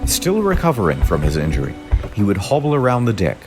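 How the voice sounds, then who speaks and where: A man narrating a comedic history story in a dry, deadpan way, over background music. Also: fairly low pitch, fast.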